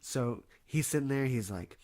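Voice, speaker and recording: Animated swearing man telling a story. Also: mid-range voice, moderate pace. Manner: animated, swears freely, acts out quotes. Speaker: podcast co-host. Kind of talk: casual storytelling chat.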